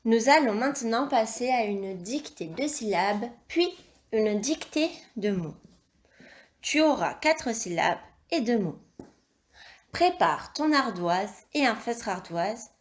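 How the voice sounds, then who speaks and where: A woman teacher with a slightly high voice leads a dictation for young children. She speaks slowly and lays out every syllable with care. Her instructions stay patient and encouraging throughout. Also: animated. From France. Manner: slow, clear, articulated dictation with encouraging instructions. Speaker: primary school teacher.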